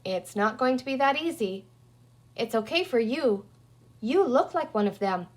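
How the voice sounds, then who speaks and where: Reading a children's story, a woman takes on the role of a bossy, clever little girl, her fairly high voice lively and measured. The character sounds decisive, reasoning aloud with strong emphasis.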